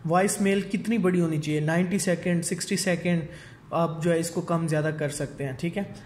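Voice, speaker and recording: A man with a fairly high, darkish voice talks a little fast in a steady tone, walking through a casual technical tutorial step by step. He's a technical trainer who mixes in English terms and keeps checking in with his listeners. The room is echoey, with faint background noise.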